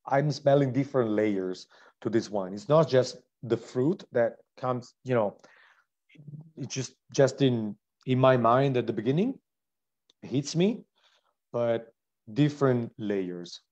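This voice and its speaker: An Italian-accented man hosts an online wine tasting and describes each wine eagerly, with plenty of fillers and restarts. His voice sits at a middle pitch. The stream audio sounds dull and lo-fi. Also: animated, slow, a little mellow. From Italy.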